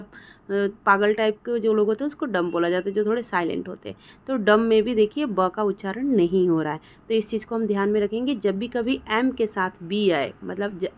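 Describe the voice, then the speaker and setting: Woman teaching english spelling, patient, keeps checking everyone follows. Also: mid-range voice. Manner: patient, repeats "theek hai" to check understanding. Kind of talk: explaining English spelling rules.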